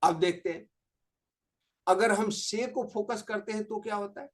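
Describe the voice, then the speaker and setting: A middle-aged man, teaching a spoken lesson on communication with slow, emphatic stress on words. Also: high voice. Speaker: motivational teacher.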